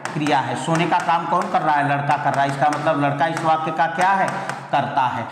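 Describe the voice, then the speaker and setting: Male grammar teacher for exam prep, patient, repeats key terms slowly, big echoing room. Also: fairly high pitch, background noise. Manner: calls students "beta", repeats key words slowly. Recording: echoey hall.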